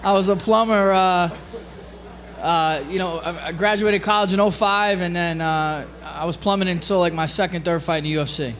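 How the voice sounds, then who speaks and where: High-voiced man, halting casual answers. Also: fairly even intonation, a bit bright. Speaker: fighter. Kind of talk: casual press conference answers.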